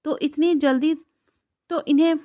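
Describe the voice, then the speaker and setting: A short-tempered young husband snaps and scolds in gruff, clipped lines, voiced by a woman narrator. The voice stays fairly high, just pulled slightly down for him. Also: fairly even intonation, muffled recording, natural voice. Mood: irritated scolding.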